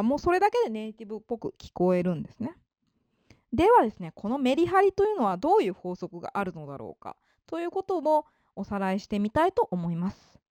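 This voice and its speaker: A woman giving a polite, explanatory spoken lesson on English, slowing down to read out example sentences. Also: fairly high pitch, darkish tone, dry recording, clean studio sound. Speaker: English teacher.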